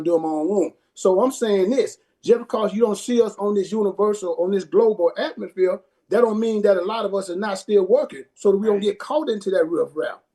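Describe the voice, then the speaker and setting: A comedian and promoter speaking earnestly in a panel discussion. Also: male voice, sits high, warm tone. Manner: earnest, emphatic.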